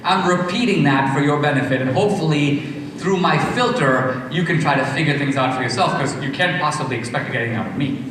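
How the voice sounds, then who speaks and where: A man's voice: on the high side, quick pace, background noise. A man from India speaking in an emphatic lecture style, counting off his points and asking rhetorical questions. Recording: echoey hall, far from mic.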